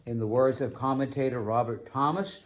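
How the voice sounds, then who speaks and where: A man preaching a sermon as pastor, emphatic, slowing down to stress key phrases. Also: mid-range voice.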